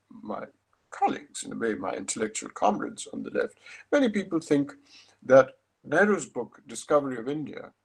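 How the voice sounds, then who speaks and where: A man's voice: mid-range voice, slightly rough. An older man giving an academic lecture over a video call, thoughtful and emphatic, often restarting his phrases.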